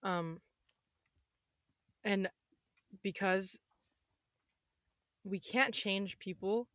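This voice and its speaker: A twenty-year-old woman with a slightly hoarse voice, chatting casually in a rambling, self-interrupting way. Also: mid-range voice, extremely slow, a bit bright, no room sound, studio quality. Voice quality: slightly hoarse, losing her voice. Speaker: podcast host. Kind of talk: casual chat.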